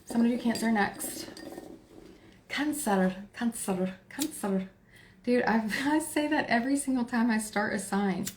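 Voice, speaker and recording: A woman's voice: a little high, fairly quick, hardly any pauses, a little hiss or hum. Chatty Texan woman streaming live. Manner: chatty, laughing, talks to chat and herself. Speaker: tarot reader livestream host. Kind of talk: casual livestream chat.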